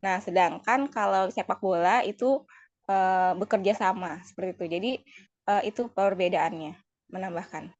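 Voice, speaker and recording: Halting woman trainee on a call. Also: medium pitch, darkish tone, dry recording. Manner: halting, stumbles over words. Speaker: trainee adding a point. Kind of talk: group discussion. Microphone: video call. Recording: dull dry video-call audio.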